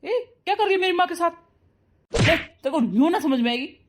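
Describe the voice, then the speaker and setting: A young husband and devoted son from a cartoon, voiced by an actor. His mid-range voice turns loud and scolding when he argues. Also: medium pitch, moderate pace, noisy background, lightly acted. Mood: angry. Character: young husband, protective son, hot-tempered. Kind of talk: cartoon voice acting.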